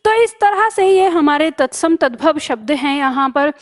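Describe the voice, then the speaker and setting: High-voiced woman teaching vocabulary. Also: animated, measured pace. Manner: repetitive, drills each word with question and answer; drops low and soft on the answer word. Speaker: Hindi teacher. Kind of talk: online vocabulary lesson.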